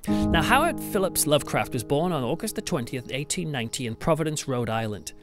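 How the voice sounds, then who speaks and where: With music playing behind him, a British podcast host who is also a church pastor narrates a reflective review in a storytelling style. His fairly high voice is expressive and a little fast, mixing emphatic phrasing into scripted narration with conversational asides.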